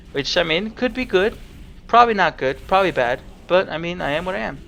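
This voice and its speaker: Sarcastic gravelly young man commentating gameplay. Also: high-pitched, expressive, moderate pace, a bit bright, slight background noise. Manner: sarcastic, casual, swears freely. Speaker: game streamer.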